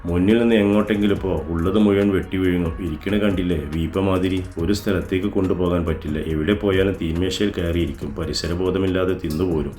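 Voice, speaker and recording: Guy putting on a nasty angry husband, raised sharp voice, roomy echo, audio story. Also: low-pitched, steady tone, fast, hardly any pauses, faint music behind, lightly acted. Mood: angry scorn. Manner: scornful, shouting insults. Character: harsh, contemptuous husband berating his wife.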